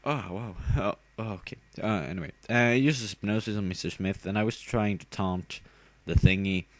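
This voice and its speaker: A man's voice: lowish voice, moderate pace, no echo. A tired young man casually commenting on his own game battle, rambling with fillers and giggling at himself. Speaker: gamer narrating his battle.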